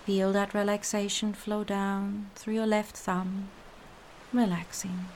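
A woman leading a guided meditation in a calm, meditative, soothing tone, with soft, breathy phrase endings. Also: medium pitch, slow, slight background noise.

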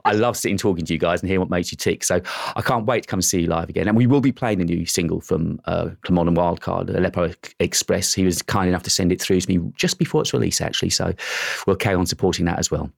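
A man's voice: low voice, quick pace, vocal fry, no room sound, clean studio sound. A middle-aged man hosting a show, rambling a little with plenty of fillers as he interviews a guest. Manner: rambling, warm thanks, many fillers. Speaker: radio show host. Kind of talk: casual interview chat.

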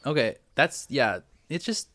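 A man's voice: mid-range voice, expressive, unhurried, fairly bright tone, no room sound. Man, podcast host, dry close sound, joking casually with swearing. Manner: jokey, swears freely. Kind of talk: casual chat.

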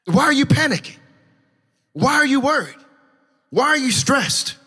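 A man preaching a sermon in a church, passionately shouting in a sing-song preaching cadence. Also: extremely high pitch, very animated, a little slow, long reverb tail. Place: church sanctuary.

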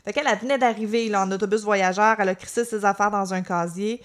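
A woman with a Quebec French accent, telling a crime story in a chatty, animated way on a podcast. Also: medium pitch, fast. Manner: animated, chatty, with many fillers. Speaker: podcast co-host. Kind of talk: casual storytelling chat.

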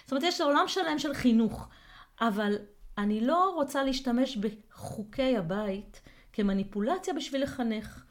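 A woman co-hosting a casual podcast discussion, reflective and full of hesitations and worked examples. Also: fairly high pitch. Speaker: co-host.

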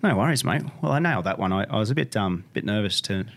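A man's voice: on the low side, lively intonation, fast talker, creaky, fairly bright tone. An Australian man hosting a casual interview podcast, talking in an informal, blokey tradesman manner. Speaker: podcast host.

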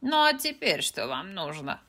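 A woman voicing a grumpy, sharp-tongued old aunt in a storybook reading, curt and scolding. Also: lowish voice, big pitch swings, a little slow, heavily acted. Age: older.

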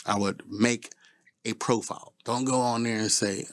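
A man's voice: mid-range voice, fairly even intonation, moderate pace, no room sound. Guy on a podcast, swears a lot, blunt advice, dry close sound. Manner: blunt, profane, emphatic. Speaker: podcast guest. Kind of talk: casual podcast chat giving advice.

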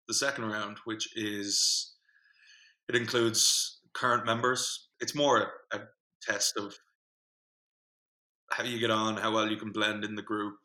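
A young man telling a story in a casual podcast chat, rambling and animated, with many fillers and restarts. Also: on the low side, poor audio. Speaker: podcast co-host, singing group organiser.

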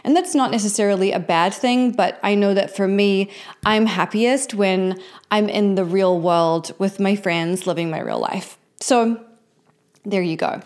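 A woman's voice: medium pitch, a little slow, darkish tone. Candid forty-year-old woman, reflective and conversational. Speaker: host of a personal show. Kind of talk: confessional life update to followers.

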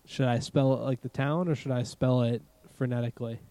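A man with a Massachusetts accent chats loosely as a podcast co-host, his voice dark and mellow. He swears freely and laughs often. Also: mid-range voice, fairly even intonation, a little fast, no room sound. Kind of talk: casual podcast chat. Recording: remote recording without proper mics.

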